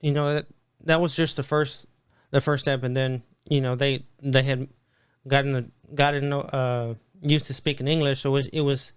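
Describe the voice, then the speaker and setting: Animated storytelling man, smooth dry voice. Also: mid-range voice, normal speed, no room sound. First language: Spanish. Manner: animated storyteller, many restarts, acts out quoted voices. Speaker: podcast guest. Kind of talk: casual storytelling interview.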